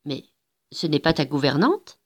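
A cold, suspicious charity lady in her fifties, as a woman reader puts her on, falsely sweet and probing. Her voice drops low and moves slowly, as in a storybook reading. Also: sing-song, full character voice. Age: 50s.

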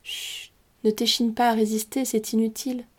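A woman giving voice to a soft, seductive Death. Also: on the high side, little pitch movement, moderate pace, close to an everyday voice. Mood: soothing. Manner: soft, soothing, slightly languid. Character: seductive female Death, calm and patient.

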